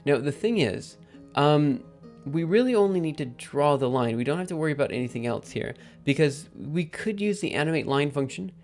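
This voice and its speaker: A man hosting a live coding stream, thinking aloud in a halting, casual way with many ums. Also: a little high, animated, a little mellow, soft background music. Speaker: livestream host.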